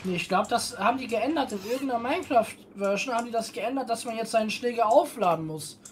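A woman's voice: on the high side, expressive, quick pace, a little hiss or hum. A woman in her late twenties, a fellow streamer chatting casually and easily on a voice call, often adding little tag questions. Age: late 20s. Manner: friendly, easygoing, adds tag questions.

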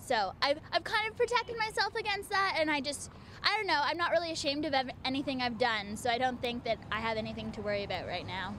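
Young woman, high voice, quick answers outside, faint traffic. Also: pushed and bright. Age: young adult. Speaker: student interviewee. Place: outdoors on campus.

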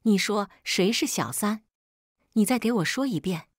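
A woman's voice: mid-range voice, lively intonation, moderate pace, no echo, studio quality, lightly acted. Woman voicing an enraged, screeching middle-aged mother. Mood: furious. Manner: shouting insults, screeching accusations. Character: furious coarse middle-aged mother, shrill and abusive.

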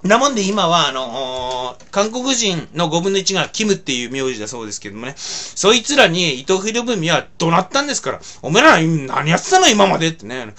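A man with a high, bright voice talks alone to his viewers in a casual video-blog monologue. His pitch swings widely as he rambles, padding his speech with fillers and rough, colloquial phrasing. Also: very animated, a little fast, hardly any pauses. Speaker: video blogger.

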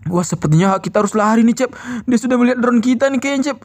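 Man, high voice, excitable, bossy, game role-play. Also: fast talker, noisy background. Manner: excitable, bossy, urging others on. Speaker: role-play leader voicing characters.

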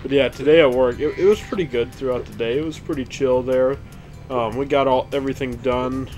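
A man's voice: medium pitch, steady tone, brisk, darkish tone. A young man giving casual, tired, spaced-out game commentary in a laid-back, rambling way. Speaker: gaming video host. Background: video game music and effects.

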